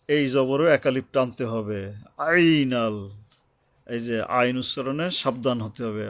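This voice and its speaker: Man, tajweed teacher, very slow deliberate pace, patient, repetitive explanations. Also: mid-range voice, a bit bright, dry recording. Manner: patient, explanatory, repeats points and breaks into chanted recitation. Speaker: Quran recitation teacher.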